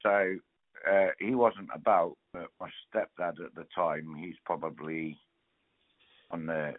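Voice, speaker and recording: Gummy, toothless deep-voiced man. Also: steady tone, no room sound. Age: 50s. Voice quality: toothless, gummy, soft-edged articulation. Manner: halting, spells things out. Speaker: client on a phone call. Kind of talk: casual phone conversation. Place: telephone call. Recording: tinny, narrow phone line.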